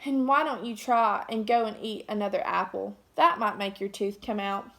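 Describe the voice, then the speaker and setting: A woman voicing a confident storybook father who speaks in a matter-of-fact, lowered voice. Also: steady tone, normal speed, vocal fry, a bit bright.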